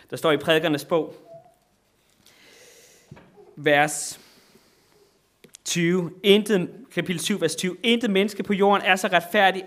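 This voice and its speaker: Danish preacher giving an impassioned sermon. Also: male voice, on the high side, a bit bright. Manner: rises to exclamations, repeats phrases, loose with fillers.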